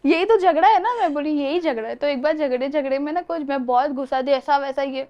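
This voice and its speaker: Lively young woman telling stories. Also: high voice, brisk, highs cut off. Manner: animated, laughs often while telling stories. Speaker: interview guest. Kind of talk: casual storytelling interview.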